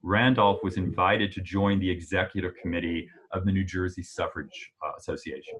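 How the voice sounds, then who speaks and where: A man with a slightly rough voice gives an illustrated history lecture in a relaxed, conversational style. He uses "uh" fillers often and jumps suddenly in pitch for emphasis.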